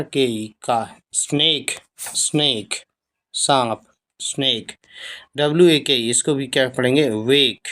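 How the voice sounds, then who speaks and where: Slow Hindi-accented man spelling out words. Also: mid-range voice, a bit bright. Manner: slow, repeats each word and its meaning. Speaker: English teacher. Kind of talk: phonics lesson spelling out words.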